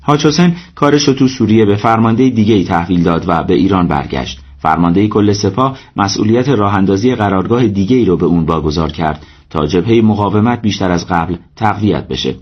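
A man reading a story aloud as narrator, steady and measured. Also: low-pitched, husky, highs cut off. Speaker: audiobook narrator. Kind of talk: scripted narration.

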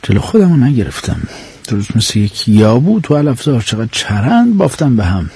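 A man voicing a flustered, anxious clerk who mutters and frets to himself, with a husky voice. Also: medium pitch, very animated, a little mellow, heavily acted. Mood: fretful.

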